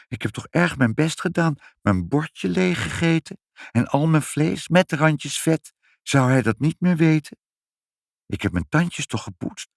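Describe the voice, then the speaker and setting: A man's voice: on the high side, gravelly, no room sound, clean studio sound, pitched above the performer's own voice. A man voicing an anxious little girl who pleads in a raised, plaintive voice.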